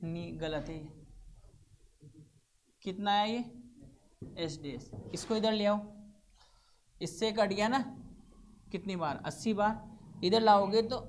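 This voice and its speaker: A man's voice: high-pitched, takes it slowly, pauses often, a little hiss or hum. A man teaches physics to a classroom. He questions his students step by step as he works through the problem, keeping the lesson moving. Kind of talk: classroom lecture.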